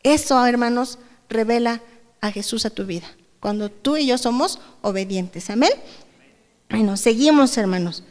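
A Mexican woman preaches to her congregation in a relaxed, conversational way. She keeps asking them questions as she goes. Her voice sits high, and a long reverb trails behind her words. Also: moderate pace. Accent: Mexican Spanish. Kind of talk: sermon. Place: church service hall. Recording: reverberant church hall.

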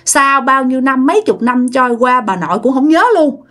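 A woman's voice: high voice, expressive, fairly quick, fairly bright tone. A woman with a Southern Vietnamese accent telling a ghost story in a casual, chatty way, talking straight to her listeners. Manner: chatty, addresses listeners directly.

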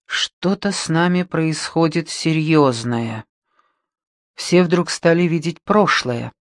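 Remorseful young man, read by a man, hesitant, subdued, slow speech, dry recording. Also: on the high side, dry recording. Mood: troubled.

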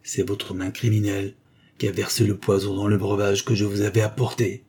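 A man's voice: mid-range voice, moderate pace, mellow, husky, pitched above the performer's own voice. A man reading the part of a proud, scornful young former governess, with a cold, ironic, cutting delivery. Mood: furious. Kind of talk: audiobook dialogue reading.

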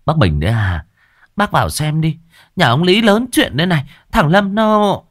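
A man playing a loud gossiping village woman. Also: on the high side, sing-song, normal speed, no echo, studio quality, voice pushed up. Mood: excited. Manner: loud, blabbering.

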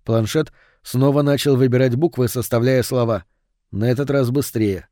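A man reading a novel aloud as narrator in a steady, measured way. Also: mid-range voice, dry recording, clean studio sound. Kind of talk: audiobook reading.

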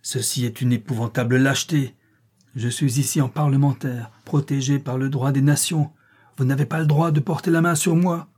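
A man plays a composed officer delivering terms with steady, firm gravity. His voice is mellow and slightly husky, measured and controlled, a storybook envoy who never shouts. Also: medium pitch, natural voice. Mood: indignant. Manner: monotone and firm, without raising his voice.

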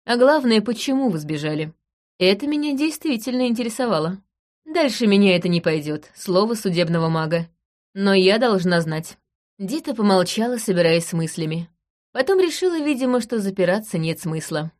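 A woman reading an audiobook in the first person, in a brisk, dry and commanding manner. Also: medium pitch, expressive, darkish tone. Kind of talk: audiobook narration.

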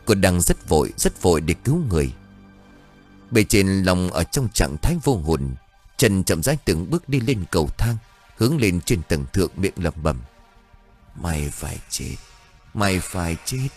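A man reads a dramatic story aloud, with a deep voice that has a husky grain. His delivery rises and falls widely to carry each scene. Soft music plays faintly behind him. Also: normal speed. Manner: expressive storytelling. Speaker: audiobook narrator.

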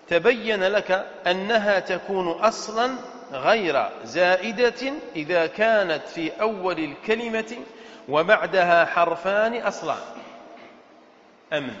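A man's voice: high voice, a bit bright. A man, a sheikh, teaching a classroom lesson on Arabic morphology, quizzing students with questions and repeating key points. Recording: echoey, dull lecture-hall recording.

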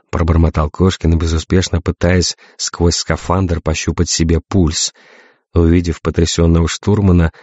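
Deep-voiced male audiobook narrator. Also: a little mellow, no echo, highs cut off.

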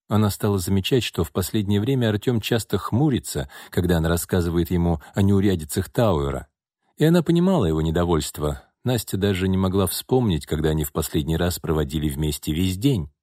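Male narrator, low and expressive, dry booth sound. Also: a little fast, no echo. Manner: expressive reading. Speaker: audiobook narrator. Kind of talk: scripted narration.

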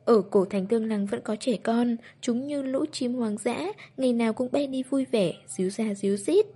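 Audiobook narrator, female, mellow and a bit breathy, steady novel reading. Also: on the high side, moderate pace.

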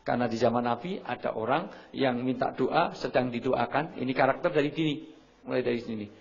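Man, middle-aged, seminar lecture, muffled lo-fi sound, medium pitch. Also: a little fast, gravelly. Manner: lively, acts out shouted examples, keeps apologizing politely. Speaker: seminar speaker. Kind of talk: lecture to an audience on parenting. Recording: muffled lo-fi recording.

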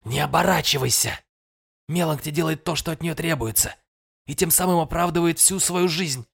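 A man's voice: fairly high pitch, normal speed, creaky, husky, voice pushed up. A man voicing a grating, hissing female spirit made of green gas, urging and commanding. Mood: urgent. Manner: urgent, commanding whispers and orders. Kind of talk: audiobook character voice.

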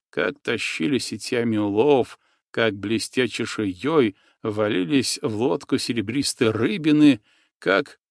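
A man reading a historical adventure novel aloud as an audiobook narrator, with measured storytelling. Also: mid-range voice, creaky, no room sound, clean studio sound. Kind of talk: scripted narration.

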